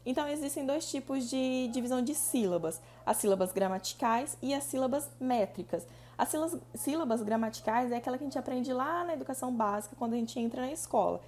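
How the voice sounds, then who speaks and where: A Brazilian Portuguese-speaking woman teaching a recorded lesson, explaining step by step with frequent restarts and slowly drawn-out syllables. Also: sits high, expressive, a little mellow. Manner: explanatory, repeats points, drawn-out syllable counting.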